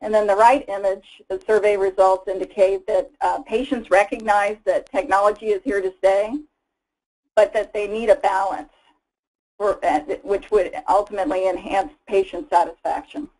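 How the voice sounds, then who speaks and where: A woman's voice: medium pitch, steady tone, moderate pace, darkish tone, low-quality recording. A woman giving a casual, explanatory slide webinar presentation as a product presenter, with frequent fillers. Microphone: voice-over for slides.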